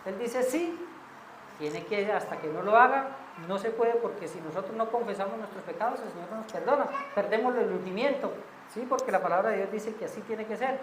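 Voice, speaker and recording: A woman's voice: mid-range voice, a little fast. A woman leading a church Bible study, talking in a conversational way and often checking in with her listeners. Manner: conversational, asks the group "¿cierto?" often. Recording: echoey room with faint noise.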